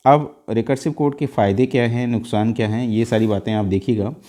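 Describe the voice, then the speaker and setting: A man teaching an exam-prep lesson on code, mixing Hindi and English and stepping slowly through each value with frequent "uh" fillers. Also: medium pitch, fairly even intonation, dark tone.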